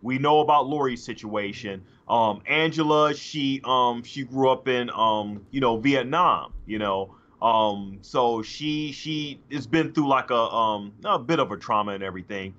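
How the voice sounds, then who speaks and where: Over a video call from his home, a middle-aged podcast co-host chats casually into a studio mic, sounding hesitant with plenty of fillers and restarts. His medium-pitched, fairly bright voice moves unhurriedly with few pauses, and the call audio is dull and lo-fi.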